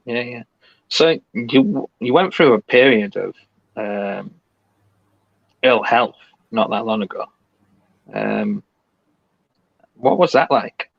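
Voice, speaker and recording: A man hosting a podcast interview, asking measured, probing questions. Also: medium pitch, gravelly, no room sound. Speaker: podcast host. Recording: dry, dull lo-fi sound.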